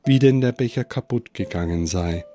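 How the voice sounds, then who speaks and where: A man voicing a gentle, forgiving holy child in a manger, speaking softly and patiently. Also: fairly low pitch, moderate pace, natural voice.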